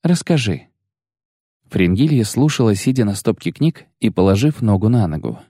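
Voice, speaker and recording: A man narrating an audiobook in a measured, even storytelling manner. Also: fairly low pitch, no echo, clean studio sound. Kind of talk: scripted narration.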